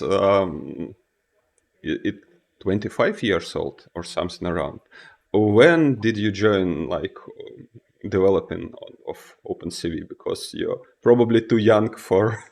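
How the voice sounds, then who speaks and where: A man hosting a casual interview, feeling his way through questions in halting phrases. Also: on the low side. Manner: halting, searching for words. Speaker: interviewer, host.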